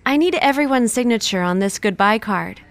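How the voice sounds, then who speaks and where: A woman's voice: on the high side, expressive, normal speed, no room sound, faint music behind. A woman playing a friendly young woman in a scripted lesson dialogue, eager and polite.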